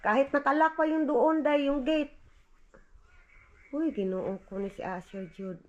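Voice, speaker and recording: A woman's voice: high-pitched, a little slow, highs cut off. A Filipino-accented woman vlogging at home with her toddler, chatting casually to viewers and cooing at her baby. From Philippines. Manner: chatty, calls viewers "day" and "inday"; soft coaxing baby talk. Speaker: vlogger mom. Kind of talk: casual chat to camera.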